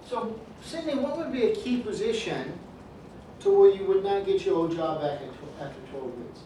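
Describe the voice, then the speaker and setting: A man's voice: high-pitched, wildly swooping pitch, normal speed, warm tone, a little hiss or hum. A man teaches a business law class, moving through his points and tossing dry jokes at students he calls by name. He sounds distant from the mic, and the classroom echoes strongly around him. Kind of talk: classroom lecture.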